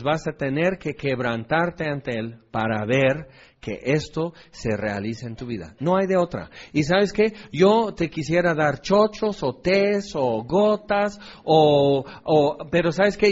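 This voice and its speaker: A man's voice: a little high, expressive, takes it slowly. A man teaching a Bible study in a conversational way, often asking rhetorical questions and checking in with his listeners. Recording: dull lo-fi recording.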